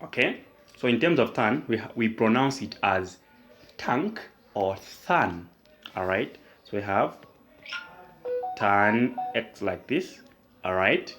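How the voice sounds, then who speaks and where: Over soft background music, a man's low-leaning, animated, slightly bright voice walks through a whiteboard math lesson. He poses questions to himself and answers them, explaining each step in a slow, deliberate, repetitive way.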